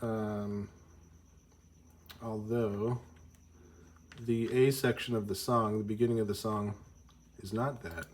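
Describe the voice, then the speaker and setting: A man hosting a video gives an informal music tutorial, thinking aloud in a halting, explanatory way and often interrupting himself. His lowish voice has fairly even intonation, with a little hiss or hum in the recording.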